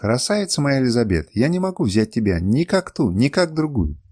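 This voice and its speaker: A man reading an audiobook, voicing a calm, resolute male warrior who speaks firmly and with restraint. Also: medium pitch, fairly quick. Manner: firm, restrained, commanding.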